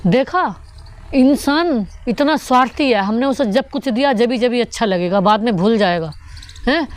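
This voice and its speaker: Smooth-voiced woman giving a devotional sermon. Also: a little high, lively intonation, moderate pace. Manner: repeats each point, often with rhetorical questions. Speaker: spiritual teacher explaining the daily murli.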